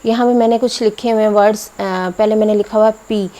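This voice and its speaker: A woman whose first language is Urdu, teaching a spoken English lesson and slowing down to spell out example words one by one. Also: mid-range voice, level tone, mellow, rough recording. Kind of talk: explanatory video lesson.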